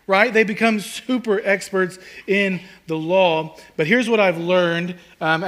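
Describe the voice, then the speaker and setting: A man preaching a sermon. His voice is high and bright, and his delivery is conversational and animated. He drops to near-hushed lines for emphasis. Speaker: pastor. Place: church hall with congregation.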